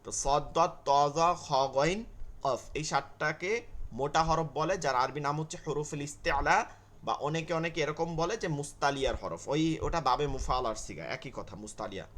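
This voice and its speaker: A man's voice: a little high, normal speed, fairly bright tone. A man teaching an online Quran class, drilling letter names and answering his own questions.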